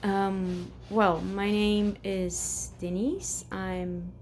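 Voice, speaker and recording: This casual home vlog features a Brazilian woman in her forties with Portuguese as her first language, speaking accented English in a rambling, hesitant way full of restarts. She draws out her words in a level, medium-pitched, darkish voice, with slight background noise.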